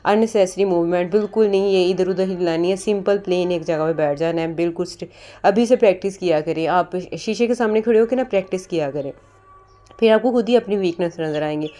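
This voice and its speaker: Woman, tutor, mellow low voice, repeats "theek hai". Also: fairly quick, faint music behind. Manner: explains step by step, often repeats "ठीक है"; mixes English terms into Urdu. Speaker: interview prep tutor. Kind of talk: casual spoken lesson.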